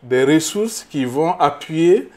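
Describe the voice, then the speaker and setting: A middle-aged man from Burkina Faso answers interview questions as a candidate. He speaks slowly and haltingly, repeating small words while he searches for the next one. He grows emphatic on his key points. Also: fairly high pitch, lively intonation, a little mellow. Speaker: political candidate.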